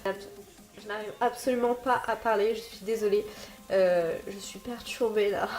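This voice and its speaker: A woman's voice: mid-range voice, fairly even intonation, measured pace, darkish tone, low-quality recording. A woman with a very nasal, stuffed-up voice, sick with a blocked nose, chatting casually and apologetically to viewers as she recommends beauty products. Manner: self-deprecating, apologetic. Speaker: beauty and haul vlogger.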